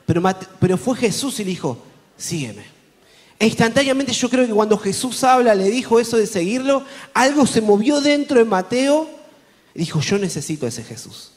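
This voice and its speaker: A man with a Rioplatense Spanish accent preaching a conference sermon, telling Bible stories with lively rhetorical questions to the audience. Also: very high voice. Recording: long hall reverb.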